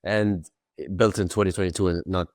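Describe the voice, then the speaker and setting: A man speaking as a guest on a remote podcast interview, relaxed and rambling, with lots of "like" and "right". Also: sits low, normal speed, no room sound, studio quality. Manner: relaxed, rambling, uses many fillers. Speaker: podcast guest, tech company founder. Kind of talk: casual interview answers.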